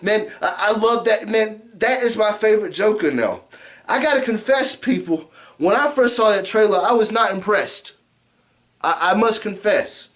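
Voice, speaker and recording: A man's voice: high-pitched, lively intonation, normal speed, a bit bright. A middle-aged American man in a casual vlog rant, drunk, rambling and repeating himself, swearing heavily. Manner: heavily profane. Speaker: amateur movie reviewer.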